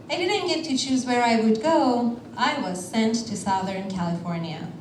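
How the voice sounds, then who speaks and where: A woman from Iran telling a personal story on a theater stage in a measured way, with deliberate pauses. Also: fairly high pitch, background noise. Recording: roomy theater sound from a distance.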